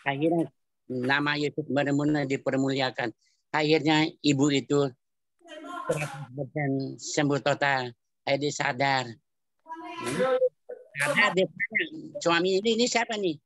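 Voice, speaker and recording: A man giving a church testimony, telling his story in colloquial, animated style and repeating phrases for emphasis. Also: on the high side, unhurried, long pauses, slight background noise. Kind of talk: testimony at a prayer meeting.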